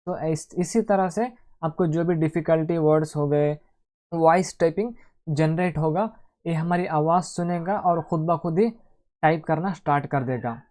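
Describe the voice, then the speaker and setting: In a relaxed screen-recorded tutorial, a tech host with a warm, mellow, slightly high voice walks viewers through keyboard shortcuts at a moderate pace. Chatty throughout, he keeps calling them "friends" and narrates every click step by step.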